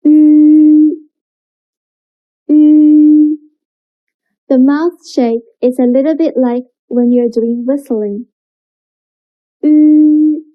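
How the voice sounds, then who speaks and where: Woman teaching pronunciation super slow, high voice, drawn-out sounds to repeat, kinda muffled lo-fi audio. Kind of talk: slow, clearly enunciated lesson. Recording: dull lo-fi recording.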